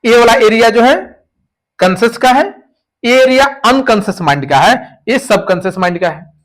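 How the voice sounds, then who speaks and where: A man's voice: high voice, normal speed. A male teacher giving a classroom lecture, explaining points through stories and repeating the key terms.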